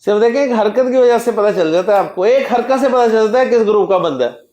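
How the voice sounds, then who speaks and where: A man teaching Arabic grammar in a classroom lecture. He drills word forms slowly and keeps quizzing his students. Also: high-pitched, lively intonation, dark tone. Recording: echoey classroom recording.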